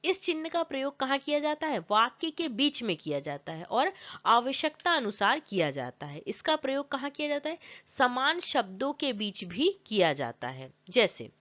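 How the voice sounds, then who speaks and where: A young woman teaching a grammar lesson. She asks the class questions and then answers them herself, and she reads example sentences slowly, stressing each pause. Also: high-pitched, very animated, a bit bright. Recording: dull lo-fi recording.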